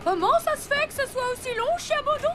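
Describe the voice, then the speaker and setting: A woman voicing a cartoon character who impersonates another in a coaxing, put-on high voice. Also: animated, fairly quick, a loud crowd. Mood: impatient. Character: André mimicking Brenda in a coaxing high voice. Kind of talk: French animated cartoon acting.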